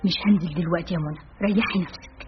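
A woman with an Egyptian accent voicing a bossy, chatty young woman friend who banters rapidly. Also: on the low side, steady tone, pitched below the performer's own voice, natural voice. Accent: Egyptian Arabic. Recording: dull lo-fi with faint music.

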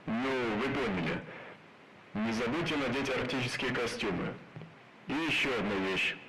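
A man doing a starship captain over distorted loudspeakers. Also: mid-range voice, moderate pace, soft background music. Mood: announcing. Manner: formal announcer tone with dry jokes. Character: charismatic male starship captain giving announcements. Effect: distorted voice over ship loudspeakers. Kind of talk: audiobook narration with acted voices.

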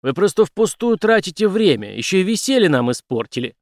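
Man voicing a brash hard-drinking veteran, loud, scornful, higher than his usual voice, audiobook. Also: expressive, moderate pace, dry recording, studio quality. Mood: angry scornful. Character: brash hard-drinking male space veteran, hot-tempered.

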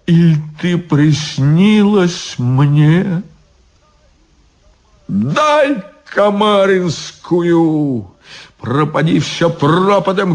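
A man voicing a drunken guard who is maudlin and quick to brawl, bellowing his lines in an audiobook. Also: high-pitched, voice pushed up, full character voice.

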